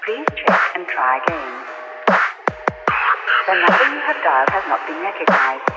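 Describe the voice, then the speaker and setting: A woman's voice: low voice, moderate pace, loud music behind the voice. Spliced-word recorded phone announcement woman. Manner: flat, formal automated announcement delivery. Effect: spliced together words. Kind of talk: sampled over electronic music.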